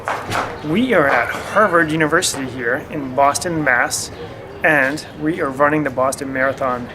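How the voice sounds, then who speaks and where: Sitting on campus steps outdoors, a man hosts a casual podcast, upbeat and joking as he questions his guests. His voice is on the high side at a normal speed, and the background is noisy.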